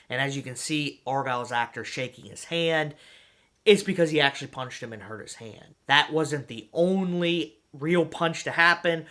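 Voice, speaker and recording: A man's voice: on the high side, sharp tone. A man narrating a movie-trivia video in an upbeat, chatty way. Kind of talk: conversational film-trivia narration.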